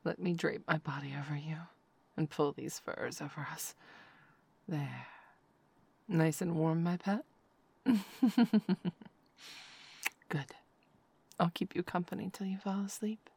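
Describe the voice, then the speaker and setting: A woman's high, sing-song voice brings a tender, possessive noblewoman lover to life in an intimate audio roleplay, whispering softly and slowly with the occasional quiet laugh.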